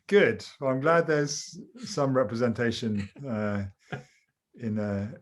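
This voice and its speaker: A man's voice: mid-range voice, lively intonation, takes it slowly. A man joking around with a colleague in casual conversation and teasing himself along the way. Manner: jokey, self-deprecating. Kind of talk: casual chat.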